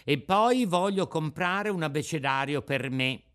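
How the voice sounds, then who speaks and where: A man voicing an eager, boastful boy puppet in an audiobook, with an excited, raised voice. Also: a little high, a little slow, clean tone. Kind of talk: audiobook character voice.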